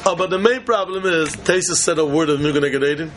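A man's voice: fairly high pitch, quick pace, a little hiss or hum. A man with a Yiddish accent teaching Talmud in a repetitive, questioning, argumentative way. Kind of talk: religious study lecture.

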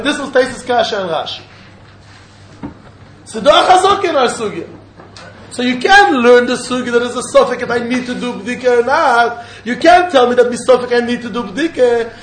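Male Talmud teacher, Yiddish accent, very high voice, insistent and repetitive, recorded in an echoey room with faint noise. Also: fairly bright tone. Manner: insistent, repeats phrases. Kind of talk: informal religious lesson, explaining and questioning.

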